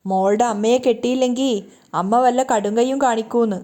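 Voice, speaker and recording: A woman's voice: a little high, brisk, dark tone, lightly acted. Woman reading a doting proud mother. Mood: gushing. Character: doting older mother, proud of her son.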